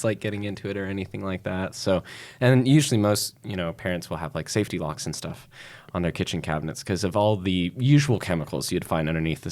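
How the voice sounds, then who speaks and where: Deep-voiced chatty podcast host man. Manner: chatty storyteller, frequent fillers like "anywho". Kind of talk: casual podcast chat.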